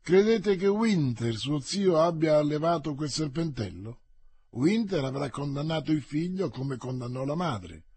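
A man's voice: on the high side, lively intonation, unhurried, a little mellow, husky. A man voicing a suave, reflective male musketeer-priest in an audiobook reading, speaking thoughtfully.

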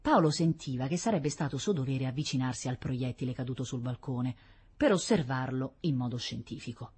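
A woman reading a children's storybook aloud in an expressive, lively storytelling manner. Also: extremely low pitch, brisk, breathy edge. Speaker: narrator.

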